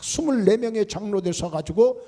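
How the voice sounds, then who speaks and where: Male pastor preaching, high lively voice, keeps repeating words for emphasis, big church echo. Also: moderate pace. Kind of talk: sermon. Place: large church sanctuary. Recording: long church reverb.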